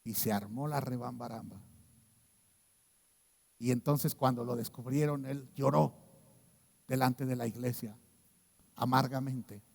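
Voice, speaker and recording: A man preaching a sermon as pastor, telling a story and swinging from hushed to loud, emphatic moments. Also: medium pitch, fairly even intonation, a little slow, creaky, pauses often, big-room sound. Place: church.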